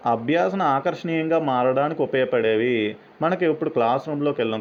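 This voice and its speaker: Man explaining exam questions. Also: mid-range voice. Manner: explains step by step, asks and answers his own questions. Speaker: teacher. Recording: slightly dull, faint background noise.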